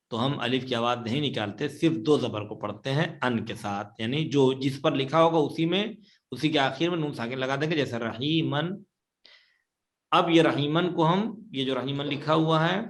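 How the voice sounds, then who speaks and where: A mid-range, slightly bright male voice leads an online Quran reading lesson. He goes over each rule again with patience, checks in frequently with his students, and reads the Arabic examples at a slow pace.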